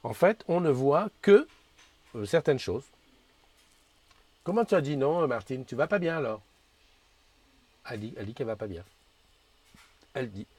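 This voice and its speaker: A man's voice: mid-range voice, no room sound. Male host, casual live-chat, rambly and friendly-toned, dry close sound. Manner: chatty, rambling, stumbling restarts, greets viewers by name. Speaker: host of a live community morning show. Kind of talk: casual live-stream chat reading comments.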